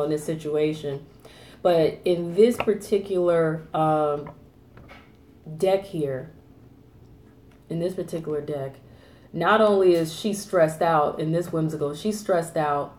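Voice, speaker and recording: A woman giving a rambling tarot reading, repeating herself and filling pauses with fillers. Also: on the low side, a little mellow, roomy sound. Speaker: tarot reader.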